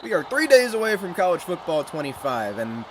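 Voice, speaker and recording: Against a noisy background and video game music, a young American streamer with a slightly high, sing-song voice talks briskly to his live audience. He calls plays in a football game and greets chat in a chatty, upbeat way.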